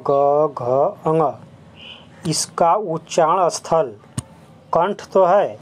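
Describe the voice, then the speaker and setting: A school teacher walks through a grammar lesson at an unhurried, deliberate pace, at a middling pitch. Each term is said twice, with English words slipped in. Questions are put to the class and answered straight away. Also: a little mellow. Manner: explains step by step, repeating each term; asks the class quick questions and answers them. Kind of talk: classroom lesson on letters and sounds.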